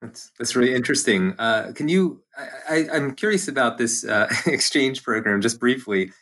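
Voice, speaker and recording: A man from the United States hosting an interview podcast, asking questions in a measured, polite way. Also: mid-range voice, animated, fairly bright tone. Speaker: podcast host.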